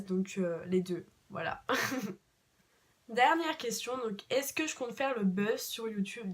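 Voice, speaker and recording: A young woman from France answering viewer questions in a casual vlog, chatty and repeating words for emphasis. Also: mid-range voice. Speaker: vlogger. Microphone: camera mic.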